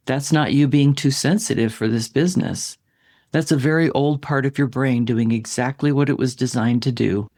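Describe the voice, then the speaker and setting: Male writing coach for a solo podcast, gentle and reassuring, a bit of grit in the voice, dry close sound. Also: mid-range voice, vocal fry, dry recording. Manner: gentle, reassuring, speaks directly to listener.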